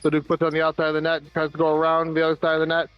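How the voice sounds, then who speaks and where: An American man calls an amateur floor hockey game play by play, rattling off passes and shots with the odd dry joke. His voice sits a little high for a man. Faint music plays underneath. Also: monotone, clear, resonant tone, no echo, muffled recording. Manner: rapid running call of plays with dry asides. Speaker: play-by-play commentator. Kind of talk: amateur live sports commentary.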